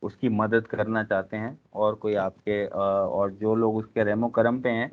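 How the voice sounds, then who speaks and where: Low-voiced man lecturing on a tinny recording. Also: little pitch movement. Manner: frequent filler pauses, addresses class directly. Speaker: instructor. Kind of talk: classroom lecture.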